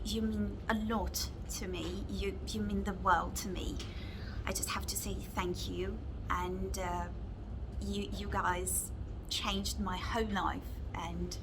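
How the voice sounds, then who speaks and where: A Brazilian woman in her thirties, a radio host, speaking English with a self-taught British-leaning accent and a Portuguese mother tongue. She is recording a heartfelt video message, halting and emotional, with many fillers and restarts. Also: mid-range voice. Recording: noisy recording.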